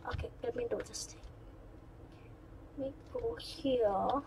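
A woman giving chatty, excitable let's-play commentary, rambling in asides to her viewers. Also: a little high, slow pace, creaky, noisy background. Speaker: gaming channel host.

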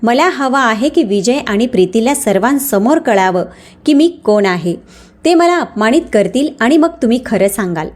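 Calm, firm older mother in a storybook, slightly high voice, read by a woman. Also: normal speed, close to an everyday voice. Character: calm dignified older mother, wealthy but humble.

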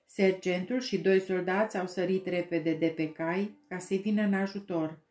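A woman narrating an audiobook with slow, expressive storytelling. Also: fairly low pitch, roomy sound. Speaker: audiobook reader.

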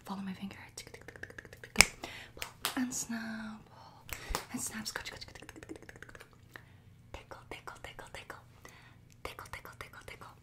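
A woman in her twenties whispers fast ASMR right up at the mic. Her breathy whispered role-play moves between soft, polite instructions and quick strings of repeated trigger words. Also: a little high, steady tone. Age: 20s. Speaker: ASMR creator. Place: small bedroom, indoors. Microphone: close to the mic.

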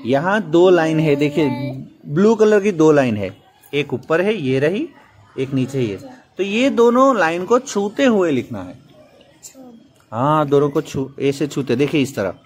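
A man's voice: on the high side, big pitch swings, measured pace. A man with a Gujarati accent teaching young children to write letters, patient and playfully teasing them, in a classroom. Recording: noisy classroom full of children.

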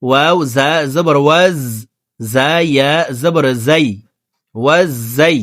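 A man teaching Quran reading who spells out each letter and vowel, then draws the joined word out slowly, with quick spoken explanations of the rules in between. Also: fairly high pitch, a bit bright, no room sound, studio quality. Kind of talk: slow spelled-out recitation lesson.

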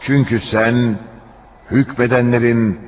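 A man narrates a scripted religious cartoon in a solemn, declamatory storytelling style, voicing the quoted speech. His mid-range voice is a little mellow, slow, with fairly even intonation. The audio is dull and lo-fi, with faint music behind him.

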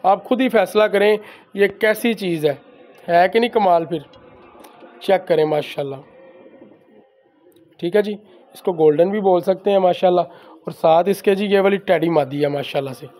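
A man from Pakistan who breeds and sells pigeons, talking loudly and emphatically as he shows birds to his viewers, repeating the same stock phrases. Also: sits high. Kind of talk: casual handheld show-and-tell. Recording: faint background noise with pigeons.

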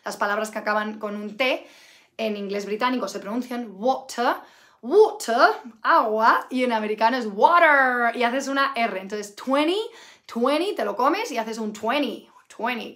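Woman teacher from Canada, fairly high voice, chatty and repetitive, live online lesson, echoey room. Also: normal speed. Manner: lively, chatty, repeats words for learners. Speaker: English teacher.

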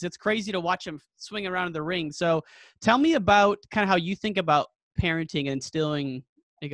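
A male podcast host with a fairly high voice for a man, recorded close and dry with no room sound. He is friendly and admiring, and his questions wander before they land. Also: fairly bright tone, dry recording. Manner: friendly, admiring, asks long rambling questions. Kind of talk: casual interview questions.

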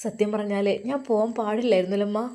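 A woman voicing a gentle young wife who speaks softly and sadly about leaving her mother. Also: medium pitch, fairly even intonation, quick pace, natural voice.

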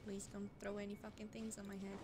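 A woman's voice: medium pitch, completely flat delivery, fast. A young woman streaming a game, chatting casually with lots of fillers and blunt swearing. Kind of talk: casual chat while gaming. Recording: noisy home stream mic.

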